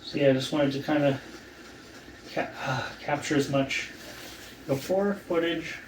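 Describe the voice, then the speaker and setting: Halting, weak post-surgery man, roomy distant sound. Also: on the high side. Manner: halting, trailing off, with long pauses. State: weak and sore after surgery. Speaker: vlogger documenting own surgery recovery. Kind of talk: casual recovery vlog, talking to camera. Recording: roomy, distant mic, faint background noise.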